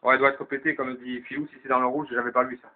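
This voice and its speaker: A man races through his words in a mid-range voice with little pitch movement, and the audio is very noisy. As the amateur operator leading a round of calls on an FM CB link, he chats casually and thinks aloud before passing the turn on. The sound is tinny and narrow-band.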